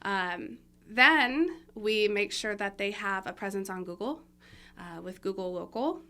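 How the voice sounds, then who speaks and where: Bright-voiced chatty woman. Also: mid-range voice, animated, unhurried. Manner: chatty, laughs often, lots of fillers. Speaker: marketing agency guest. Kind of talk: casual podcast interview. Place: room, eating during recording. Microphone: podcast mic.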